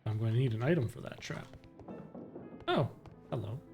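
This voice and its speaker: Casual man streaming with lively pitch. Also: normal speed, over music. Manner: offhand muttering, sing-song filler. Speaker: game streamer. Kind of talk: casual playthrough commentary.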